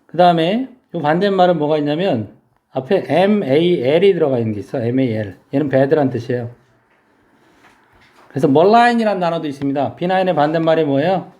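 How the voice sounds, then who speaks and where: Lecturer type, man, warm mellow tone, patient step-by-step explainer. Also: on the high side, brisk. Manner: explains step by step, asks students questions. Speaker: English teacher. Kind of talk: vocabulary lecture.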